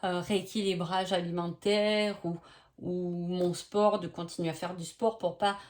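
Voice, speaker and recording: A woman's voice: lowish voice, fairly even intonation, measured pace, a little mellow. A woman giving a casual oracle card reading sign by sign, chatty, with many hesitations and tag questions.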